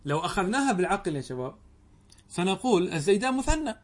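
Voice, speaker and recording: Lively man teaching a grammar lesson. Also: sits high, fast. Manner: animated, asks the students questions and stresses key words. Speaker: religious teacher.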